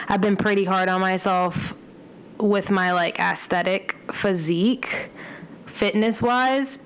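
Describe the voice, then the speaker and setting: A woman's voice: on the low side, a little hiss or hum, low-quality recording. Chatty young woman, lots of "like". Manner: rambling, lots of "like", casual swearing. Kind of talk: casual chat.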